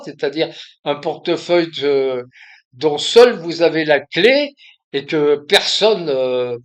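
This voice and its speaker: Older man from France, off-the-cuff commentary, slow and halting, slightly high voice. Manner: halting, many restarts and fillers. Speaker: video commentator. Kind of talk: impromptu monologue.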